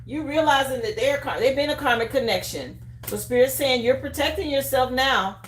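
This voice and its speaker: A woman's voice: high-pitched, moderate pace, roomy sound, a little hiss or hum. A woman giving a live tarot reading, talking straight to her viewers with emphatic, repeated reassurances. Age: adult, mother of children. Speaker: tarot reader.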